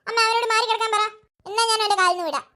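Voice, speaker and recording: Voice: extremely high pitch, fairly even intonation, very fast, pushed and bright. A voice actor playing a stubborn, bossy big-sister girl in a cartoon, with a threatening tone. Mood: sulky.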